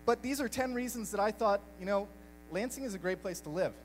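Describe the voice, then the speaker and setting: Young man, high voice, from Belgium, jokey stage talk to a crowd. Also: brisk, slight background noise, low-quality recording. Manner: lively, jokey, addresses crowd directly. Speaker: speaker at a live community talk night. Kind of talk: upbeat live talk to an audience.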